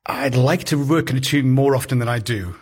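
British male, mid-pitched and slightly rough-voiced, casual, hesitant, understated conversational delivery. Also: fairly quick, a little mellow. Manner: hesitant, understated short answers. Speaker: podcast host and radio phone-in guest. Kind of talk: casual chat.

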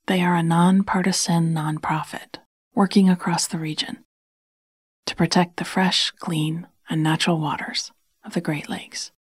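Breathy, whispery woman, slow and soothing. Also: on the low side, flat delivery, no echo, clean studio sound. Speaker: sleep podcast host and storyteller. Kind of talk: soft bedtime story narration.

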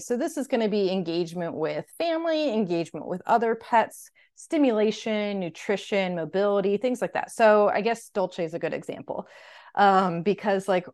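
A woman's voice: medium pitch, darkish tone. A woman who is a veterinary technician, explaining in casual educational podcast talk, chatty and full of "like" and "kind of". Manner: chatty, heavy use of "like" and "kind of".

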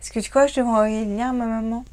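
A woman's voice: a little high, fairly even intonation, darkish tone. Tipsy, chatty woman. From France. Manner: chatty, laughing, speaks fast. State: tipsy from wine. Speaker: livestream co-host. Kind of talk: casual livestream chat.

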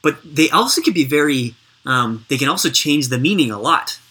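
A woman hosts a casual interview in a very deep voice for a woman, with a raspy grain and a bright, forward edge. She is chatty and encouraging, explaining by example. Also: lively intonation, normal speed.

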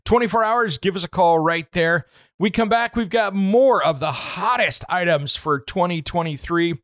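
A man's voice: high-pitched, normal speed, dry recording, studio quality. A man hosting a home improvement radio show, talking casually about products with plenty of fillers. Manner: chatty, relaxed, many "uh" fillers. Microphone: studio microphone.

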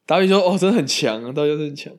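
A man, co-hosting a casual baseball podcast, animated and quick to laugh and swear. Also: on the high side. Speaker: podcast co-host.

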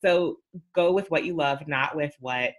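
Chatty woman with a lowish voice. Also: a little slow. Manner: chatty and emphatic, with frequent fillers and laughs. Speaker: podcast guest, PR and social media adviser. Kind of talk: casual podcast conversation.

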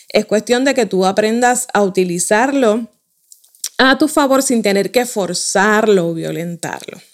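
A woman giving a lesson on the speaking voice, explaining its qualities in a clear, measured way and speaking straight to her listeners. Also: a little high. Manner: clear, measured teaching with direct address to listeners. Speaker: voice coach.

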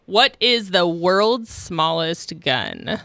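A woman's voice: fairly low pitch, sing-song, drawn-out words, gravelly, a bit bright, no room sound. A woman bantering casually and playfully on a radio show and reading out listener questions.

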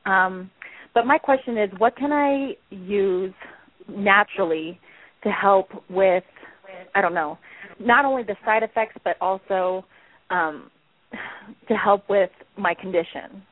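A woman in her thirties calling in to a radio show, asking her question hesitantly with many pauses. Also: mid-range voice, no room sound. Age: 30s. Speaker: caller. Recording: dry tinny phone line.

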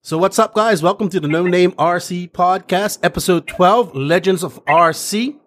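A man's voice: high-pitched, normal speed, a bit bright. A man hosting a casual podcast interview.

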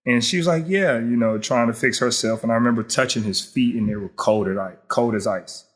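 A man's voice: medium pitch, level tone, brisk, breathy edge. A young man, an interview guest, recalls a personal loss in a reflective way, often saying "you know".

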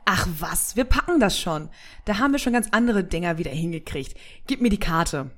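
A woman's voice: lowish voice, lively intonation, fairly quick, natural voice. A woman voicing a cheerful, proud female Santa who speaks in a friendly, reassuring way. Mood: breezy.

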